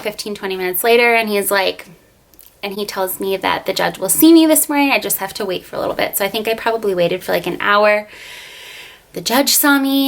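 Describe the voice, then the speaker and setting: A young woman recounts a personal story for her vlog audience. She talks in a loose, chatty way with lots of fillers. Her voice sits at a middle pitch and carries a gravelly fry. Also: a bit bright. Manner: chatty, many fillers, retells scenes. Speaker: vlogger.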